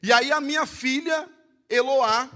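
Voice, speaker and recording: A man with a Brazilian Portuguese accent, a pastor preaching a sermon in church, swinging between loud emphatic lines and hushed storytelling. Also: extremely high pitch, a little slow. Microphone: live-streamed church service mic.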